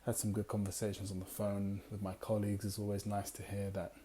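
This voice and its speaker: In a monotone, low and mellow, a tired-sounding British book club host works through a book review. His voice has a slight rasp, and he wanders along with filler words, pausing at times to read passages out loud.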